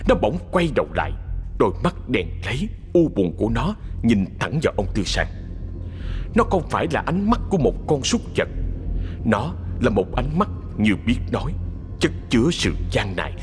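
A man narrating a ghost story in a measured, expressive storytelling voice. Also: on the low side.

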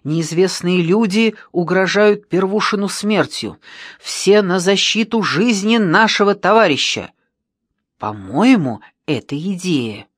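An audiobook reader voicing an excited, scheming schoolboy in a dry, close recording. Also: medium pitch, dry recording. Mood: eager. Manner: eager, rapid, proclaiming. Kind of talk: audiobook reading.

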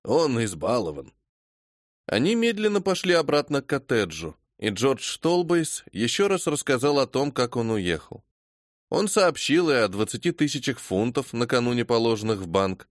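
A man narrating an audiobook in a measured, even reading. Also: mid-range voice, no echo, clean studio sound. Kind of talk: scripted narration.

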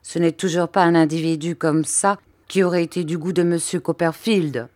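A woman's voice: lowish voice, fairly even intonation, normal speed, darkish tone, no echo, natural voice. A woman reading an audiobook, voicing a stern, sullen middle-aged housekeeper who talks curtly. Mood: indignant.

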